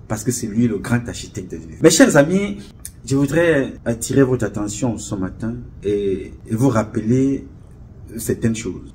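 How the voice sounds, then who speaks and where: A man from Cameroon, speaking straight to camera to his supporters in a solemn, measured, rhetorical way, repeating and listing words for weight. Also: mid-range voice, a little mellow, a little hiss or hum. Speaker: association spokesman addressing followers. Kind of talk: direct-to-camera address. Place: indoor studio with camera crew.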